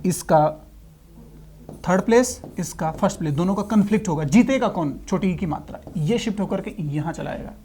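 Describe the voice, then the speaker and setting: A man's voice: sits high, fairly quick, mellow, a little hiss or hum. A man teaching a shorthand lesson, breaking words into syllables and repeating them patiently. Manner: patient, explanatory, checks in with "ठीक है". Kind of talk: classroom lesson.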